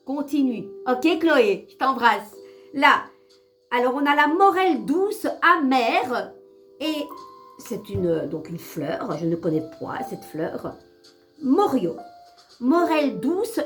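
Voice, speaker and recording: A woman's voice: fairly high pitch, fairly bright tone. Chatty woman with a Brussels accent. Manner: affectionate, chatty, many restarts. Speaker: tarot reader. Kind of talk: casual card-of-the-day talk and reading aloud.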